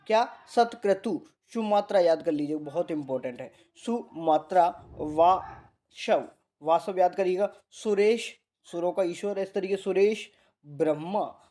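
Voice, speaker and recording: A man's voice: sits high, dark tone. A young man teaching a vocabulary lesson, casually repeating words and drilling his students. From India. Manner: casual, addresses students as bhai.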